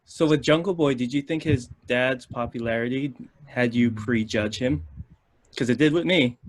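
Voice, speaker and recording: A man's voice: medium pitch, moderate pace, slight background noise. A man in his thirties co-hosting a casual podcast chat, wry and good-humored. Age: 30s. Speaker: co-host.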